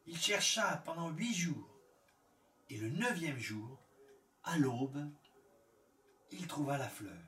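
A male storyteller reading a fairy tale in a calm, measured way with lingering pauses. He speaks slowly. The recording is roomy, and he sits well back from the mic. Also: on the high side. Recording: echoey room, far from the mic.

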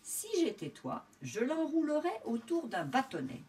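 Woman playing an older piglet brother, bossy, lively pitch, far from the mic. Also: measured pace. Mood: advising. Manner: bossy, reassuring.

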